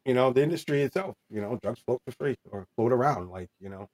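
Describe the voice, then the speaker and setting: A man's voice: mid-range voice, animated, quick pace, a little mellow, slightly rough. A man in his forties telling a candid personal story in an interview, earnest and rambling, with many fillers and restarts. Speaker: interview guest.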